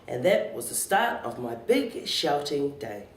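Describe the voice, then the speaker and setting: A woman storyteller reading a children's picture book aloud with expressive, sing-song delivery. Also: sits low, unhurried, a little hiss or hum. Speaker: library storyteller. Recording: roomy, distant library recording.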